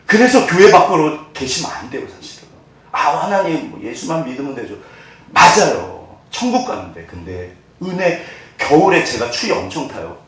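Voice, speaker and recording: A male pastor delivers a sermon with a lively voice that swings high and low, asking his listeners question after question and acting out the lines he quotes. He is picked up from a distance, and his voice rings through a very echoey church hall. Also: normal speed. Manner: animated, asks the congregation questions, acts out quoted lines. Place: church sanctuary.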